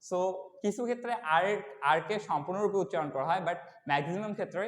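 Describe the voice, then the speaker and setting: A young man, teaching an English lesson to kids. He explains slowly and repeats the letters one by one. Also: high voice, expressive, fairly bright tone. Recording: echoey room with long reverb.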